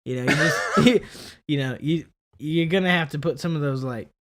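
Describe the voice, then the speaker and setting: A man's voice: a little high, normal speed, fairly bright tone. A man around thirty, co-hosting a podcast in casual chat, telling stories animatedly and swearing freely. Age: 30s. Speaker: podcast co-host.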